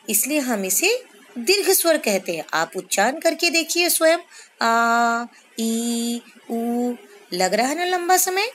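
A woman teacher explaining a lesson slowly to children, stretching out sounds and examples. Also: fairly high pitch, a little hiss or hum. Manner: slow, explanatory, addresses children, drawn-out syllables. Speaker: school teacher. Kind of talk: recorded classroom lesson.

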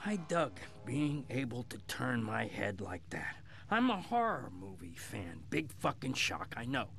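An actor voicing a smug, foul-mouthed, gleefully sadistic killer doll with a raspy voice, giving gloating in-character commentary on a film. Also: male voice, mid-range voice, very animated, measured pace, a bit bright, soft background music, full character voice. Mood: boastful. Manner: gloating, sardonic, profane.

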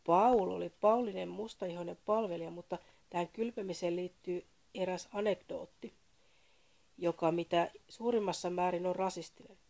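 A woman's voice: lowish voice, steady tone, gravelly, a little mellow. A woman voicing a fussy male caller who lectures about history in a read-aloud story, prim and indignant. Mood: lecturing.

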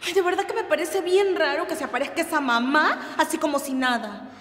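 An actress playing a nervous goddaughter who frets anxiously. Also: female voice, high-pitched, fairly quick, a bit bright, roomy sound, big-room sound. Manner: fretful, anxious. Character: nervous young goddaughter, fretful. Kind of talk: telenovela acting.

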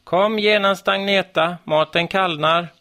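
A man's voice: mid-range voice, expressive, vocal fry, fairly bright tone, no echo. A man voicing a mother who scolds and coaxes her small daughter in a children's story. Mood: stern. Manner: scolding, coaxing, then amused. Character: stern but fond mother of a small girl. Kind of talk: storybook reading.

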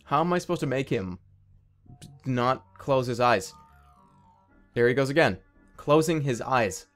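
A man's voice: medium pitch, animated, measured pace, a bit bright, soft background music. A man doing comedic gameplay commentary as a streamer, incredulous, exasperated and sweary. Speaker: gaming streamer.

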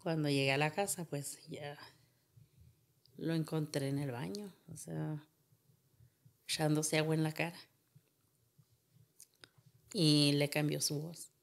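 Woman, deep voice, vocal fry, podcast guest, personal storytelling. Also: fairly even intonation, takes it slowly, pauses often. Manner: retells events with much reported dialogue.

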